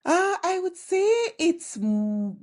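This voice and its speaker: A woman's voice: very high-pitched, very animated, takes it slowly. A middle-aged woman from Nigeria, a food blogger chatting casually as a podcast guest, with lots of "like" and "you know" fillers. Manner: conversational, many "like" and "you know" fillers, warm laughs. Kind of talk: casual interview chat.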